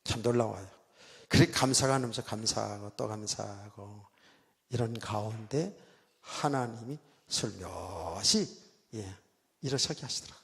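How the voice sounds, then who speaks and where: A middle-aged male pastor preaching a sermon, telling a story with loud bursts and hushed asides and often asking his listeners to agree. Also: on the low side, moderate pace, gravelly. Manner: animated storytelling, swings from loud exclamations to quiet asides; keeps asking the congregation for agreement. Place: church sanctuary. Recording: church hall reverb.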